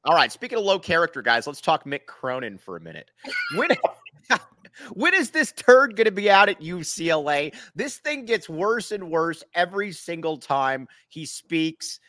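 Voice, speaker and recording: A man's voice: fairly high pitch, very animated, normal speed, bright, forceful tone, dry recording, studio quality. A man co-hosting a sports podcast in casual chat, laughing often and trailing off with fillers while he hunts for names. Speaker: podcast co-host.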